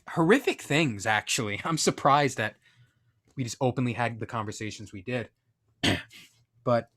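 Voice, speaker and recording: A man's voice: mid-range voice, a bit bright. Candid, rambling young man telling a story. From Northeastern US. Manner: candid, self-deprecating, rambling with asides. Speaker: podcast storyteller. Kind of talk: casual personal storytelling.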